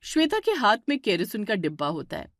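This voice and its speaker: A woman narrating a cartoon story in a plain, even storytelling voice. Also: medium pitch, a little fast, dry recording, clean studio sound.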